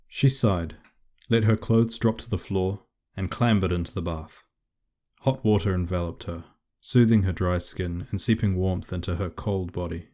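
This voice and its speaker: Deep-voiced male audiobook narrator. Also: darkish tone. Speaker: author and narrator.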